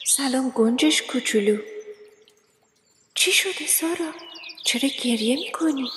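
Wise guardian fairy of the rivers, radio play, kindly and calm, reverberant echo. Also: female voice, high voice, slight background noise. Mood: gentle. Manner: soft and measured, kindly questioning. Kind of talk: children's radio play acting. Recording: echoey, reverberant hall.

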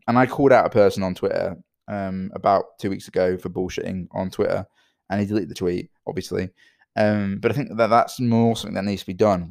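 A tired British man with a low, gravelly voice, hosting a solo podcast. He rambles, stacking fillers and repeating his words. The sound is close and dry, with no room around it. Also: a little mellow, no room sound. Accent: British English. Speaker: podcast host and entrepreneur.

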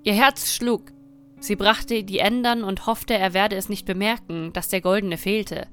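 A woman reading a dark fairy tale aloud in a measured, dramatic storytelling manner. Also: mid-range voice, steady tone, soft background music.

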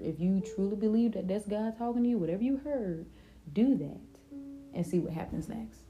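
A young adult woman, hosting a casual faith-centered vlog and chatting animatedly to her viewers. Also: lowish voice. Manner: animated, talks to viewers as "y'all". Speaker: vlogger and podcast host.

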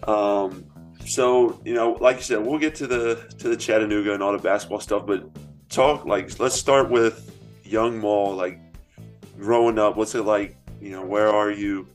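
Easygoing young man hosting, low voice. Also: fairly even intonation, moderate pace, soft background music. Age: young adult. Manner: laid-back, easygoing. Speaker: podcast host, student athlete. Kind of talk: casual interview chat.

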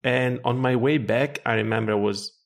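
A young man who grew up in Italy, chatting casually and relaxed as a podcast host. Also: mid-range voice, moderate pace, creaky. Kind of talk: casual conversation.

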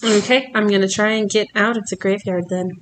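A woman's voice: mid-range voice, fairly even intonation, fairly quick, a little hiss or hum, rough recording. A woman playing a tabletop game, speaking casually and hesitantly. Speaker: player.

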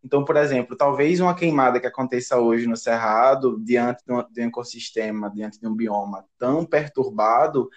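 A man with a Brazilian Portuguese accent teaches on an educational podcast. He explains things in a teacherly manner and often closes with tag questions, speaking at a medium pitch.

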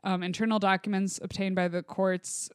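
A podcast co-host with a clean, smooth voice, recorded close and dry. The delivery is informal explanation with a wry, joking streak. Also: mid-range voice, little pitch movement, moderate pace, no echo. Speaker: podcast co-host presenting research. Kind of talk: casual explanatory talk with joking asides.

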